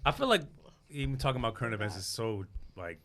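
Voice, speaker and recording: A man hosting a casual podcast chat, slangy and quick to laugh. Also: mid-range voice, animated, a bit bright. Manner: loose, slangy, laughs often. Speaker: podcast host. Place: podcast set with a camera.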